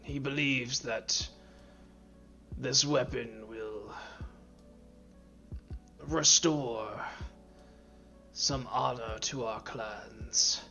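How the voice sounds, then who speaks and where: A man voicing a grave, wary male orc warrior who speaks slowly and solemnly. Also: mid-range voice, muffled recording, faint music behind, exaggerated voice. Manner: slow, solemn, sometimes hushed speech.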